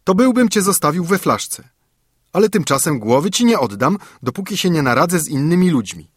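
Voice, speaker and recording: A clever, fearless young lad from a storybook, as a man puts him on, pitched high above a normal speaking voice and bright with eagerness. The tone is husky and springy. The recording is dry. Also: very animated, fairly quick, no room sound. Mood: eager. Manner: raised and eager. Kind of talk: storybook narration.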